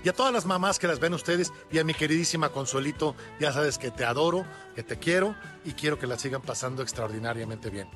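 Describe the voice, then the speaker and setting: A man's voice: on the high side, quick pace, over music. A man sending a recorded greeting to the hosts with affection.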